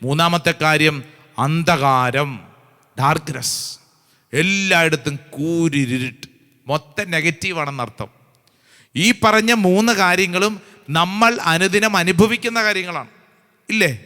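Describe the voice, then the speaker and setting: Fervent priest preaching in a reverberant hall. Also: male voice, a little high, bright, forceful tone. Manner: fervent, repetitive exhortation with rhetorical questions; reads scripture slowly and deliberately. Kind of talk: charismatic retreat sermon.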